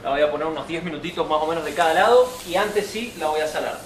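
A man in his thirties with an Argentine accent explains steps as the chef in a cooking demonstration, set in a winery kitchen and open-air grill patio. His voice is on the high side and his pace quick. The roomy recording has a distant mic, music behind him, and a little hiss or hum.

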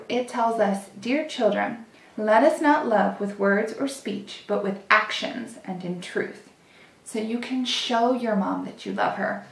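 A young woman giving a gentle, encouraging Bible lesson to children, seated at a table in a small room. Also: a little high, creaky, recorded from a distance. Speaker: children's church teacher. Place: small indoor room, seated at a table before a plain wall. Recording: echoey room.

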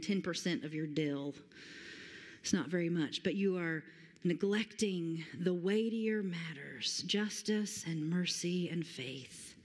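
A woman pastor preaches a sermon, reading scripture with earnest, slowed emphasis. Her mid-pitched voice carries a long reverb from the large sanctuary around her. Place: large church sanctuary stage.

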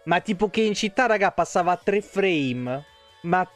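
A man's voice: high-pitched, lively intonation, normal speed. Chatty Italian streamer man, sore throat. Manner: chatty, greets viewers by name, swears freely. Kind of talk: casual live-stream chat. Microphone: headset. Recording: faint music behind.

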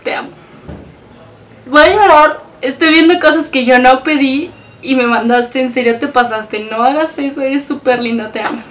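Unboxing a package on camera, this beauty vlogger sounds young, Mexican-accented, and full of gushing emotion. She speaks at normal speed in a high register, captured by a far-off mic in rough quality.

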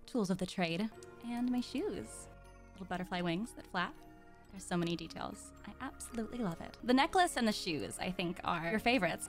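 A woman streaming in character as a demon monarch, talking in a playful, teasing, giggly way. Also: medium pitch.

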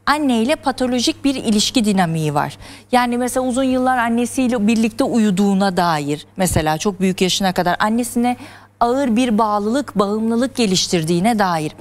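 A woman's voice: fairly high pitch, fairly quick. A woman explaining psychology terms step by step as a guest on a television talk show. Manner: earnest, lecturing, explains step by step. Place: television studio.

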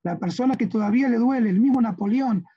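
A man's voice: very high voice, fast talker, slightly rough, lo-fi sound. A man with an Argentine accent, a rabbi giving an earnest religious lesson with slides, often checking that his listeners follow. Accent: Argentine Spanish. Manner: earnest, teaching, asks listeners to agree.

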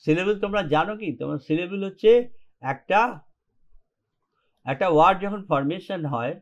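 In a muffled recording, a man with a high voice teaches English grammar in Bengali at a moderate pace. It's an online class, and he goes step by step, often checking that students are following.

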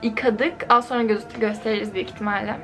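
A woman's voice: medium pitch, steady tone, fast talker, a bit bright, faint music behind. A young woman, the vlogger's friend, chatting playfully at home and laughing constantly. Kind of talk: casual chat. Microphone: camera mic.

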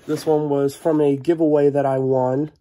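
A man with a stuffy, sniffling head cold hosts a casual unboxing vlog, talking with mild excitement. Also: fairly high pitch, normal speed, slight background noise. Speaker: host of a sports card unboxing channel. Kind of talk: casual mail-day vlog narration. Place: indoor room at a tabletop.

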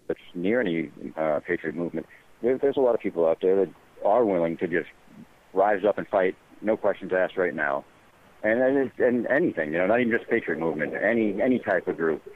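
Man on a phone line, very deep voice, halting and defensive, lots of fillers; call-in guest. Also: lively intonation. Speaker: interview guest. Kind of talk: live call-in interview.

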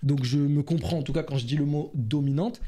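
A man's voice: on the high side, fairly quick, mellow, slightly rough. A man hosting a casual esports news commentary, chatty and full of fillers and restarts.

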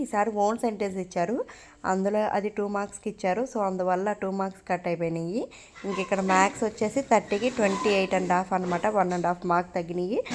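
A woman's voice: mid-range voice, slight background noise, rough recording. A woman in her thirties with a Telugu accent, a mother vlogging at home, questioning her child sternly and explaining things to viewers. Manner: stern, questioning, rising to loud scolding. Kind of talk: home vlog, scolding child and addressing viewers.

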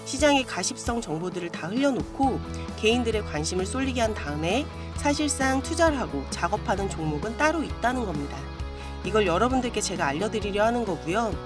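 A woman with a mid-pitched voice narrates over clearly audible background music. She delivers a scripted promotional pitch as a video host, earnest and persuasive as she speaks straight to her viewers.

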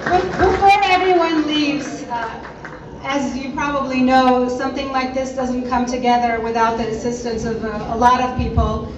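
Woman, event host, gracious and fluent, fairly high voice, far from the mic in an echoey hall, dull sound, crowd behind. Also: steady tone, moderate pace. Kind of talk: event emcee remarks.

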